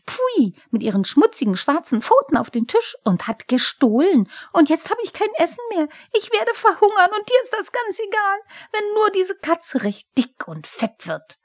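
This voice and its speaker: A woman's voice: big pitch swings, normal speed, few pauses, dry recording, studio quality, full character voice. A woman voicing a cheeky, easily offended little male goblin who shrieks and whines in outrage. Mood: outraged. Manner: shrill, whiny, shouting in outrage.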